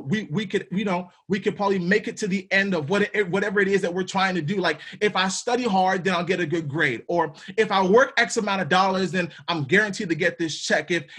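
A man's voice: high voice, fairly bright tone, husky. A man teaching a podcast Bible study in a casual, emphatic way, with slang and repeated words.

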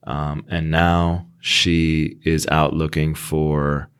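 A man's voice: very deep voice, flat delivery, drawn-out words, fairly bright tone, clear, resonant tone. A man hosting a book podcast, chatting casually with frequent ums. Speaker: podcast host. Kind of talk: casual chat.

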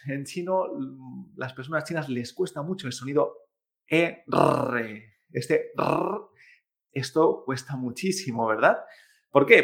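A man from teaching pronunciation, patiently repeating each sound aloud and checking in with listeners after every example. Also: medium pitch. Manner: patient, demonstrates sounds by repeating them, frequent "¿eh?" tags. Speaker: Chinese language teacher. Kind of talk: pronunciation lesson.

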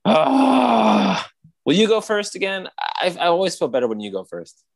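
Lively joking man. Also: high-pitched, fast. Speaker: podcast co-host. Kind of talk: casual chat.

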